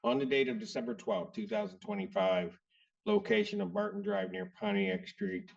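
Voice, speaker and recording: A man presiding as a judge, running formal court proceedings in a brisk, blunt, procedural way, heard on a courtroom recording. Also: high-pitched, steady tone, gravelly. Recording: distant, dull courtroom recording.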